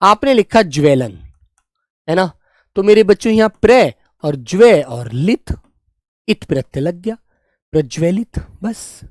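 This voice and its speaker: In a live online Hindi spelling lesson, a young male teacher speaks in a high, light voice with a darkish tone and big swings in pitch. The recording is dry and close-miked. Warmly addressing the class as "beta" and "my children," he repeats each word slowly as a drill.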